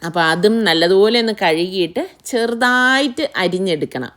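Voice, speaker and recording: A woman's voice: medium pitch, lively intonation, moderate pace, fairly bright tone. A middle-aged woman hosting a home cooking vlog, talking viewers through each step in a chatty, explaining way. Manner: chatty, explains step by step, keeps adding tag questions. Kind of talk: casual home cooking chat.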